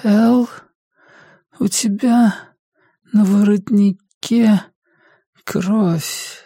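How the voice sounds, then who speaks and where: A man voicing a weak, bedridden elderly mother who speaks faintly and slowly in a tender, whispery voice. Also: high-pitched, fairly even intonation, warm tone, husky, no room sound, studio quality, pitched above the performer's own voice, heavily acted.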